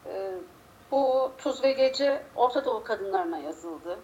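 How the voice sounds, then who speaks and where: A woman's voice: on the high side, lively intonation, unhurried, darkish tone. A woman poet being interviewed, a little unwell, her voice slightly muffled and strained. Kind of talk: conversational interview with a poetry reading. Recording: clear background noise.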